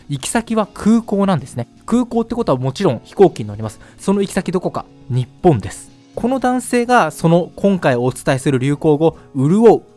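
A man's voice: a little high, a little mellow. A man giving explanatory news commentary in a conversational way, with many fillers along the way.

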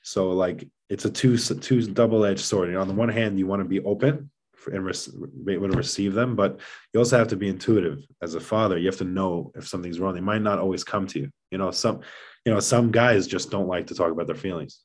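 A father of seven appears as a guest on a podcast, his low-pitched, darkish voice running a little fast. In relaxed conversation, he lays out his points with earnest emphasis.

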